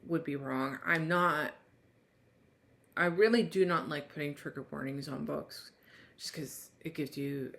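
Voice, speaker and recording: Her voice is low-pitched, unhurried and gravelly, with a touch of brightness. After reading a book's blurb aloud, she drifts into a loose, rambling review chat full of restarts and unfinished thoughts.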